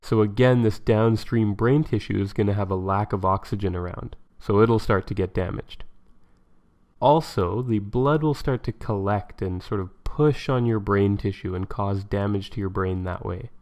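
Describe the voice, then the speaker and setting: A man's voice: lowish voice, moderate pace, a little mellow. A man narrating an explanatory medical lesson in a conversational way, asking and answering his own questions.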